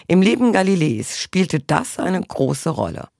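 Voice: mid-range voice, big pitch swings, measured pace, a little mellow, no room sound. A radio presenter reading scripted links and putting questions to a studio guest. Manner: smooth scripted links, then asks questions. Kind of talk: radio magazine presenting and interviewing.

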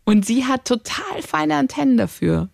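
Woman, 30s, casual storyteller, mid-pitched, lively and warm, dry close recording. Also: moderate pace, gravelly, no room sound. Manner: animated, acts out quotes of her children. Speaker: podcast co-host, mother.

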